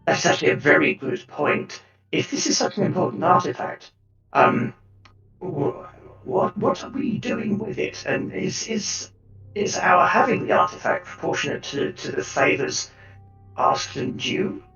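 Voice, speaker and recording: A hooded augmented figure whose voice is run through a voice changer, as a man puts him on, gravelly and halting, pausing often between words. It sounds echoey and far from the mic, dull in tone, with music playing behind. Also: high-pitched, lively intonation, fairly bright tone, voice pushed up, full character voice. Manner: halting, hesitant, full of fillers. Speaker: tabletop game player.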